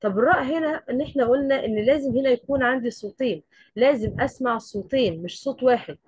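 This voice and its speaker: A woman's voice: high voice, fast, a little mellow, breathy edge, dry recording. A woman with an Egyptian accent teaching a tajweed lesson. She explains step by step and often asks questions and then answers them herself. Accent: Egyptian Arabic. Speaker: Quran recitation teacher.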